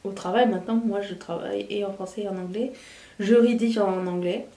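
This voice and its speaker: A woman's voice: medium pitch, steady tone, fairly quick, mellow, distant mic. A candid woman in her thirties talks casually to her viewers, chatty and loose, often circling back to restart a thought. Her voice sits back from the microphone. The room around her rings noticeably. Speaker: vlogger. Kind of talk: casual chat to camera. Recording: roomy, voice a bit away from the mic.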